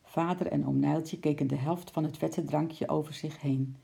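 A woman narrating a children's storybook aloud in a calm, lively way. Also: deep voice, normal speed, creaky.

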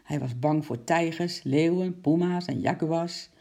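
A narrator reading a children's story aloud in a lively, expressive way, voicing sound effects. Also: medium pitch, unhurried, creaky.

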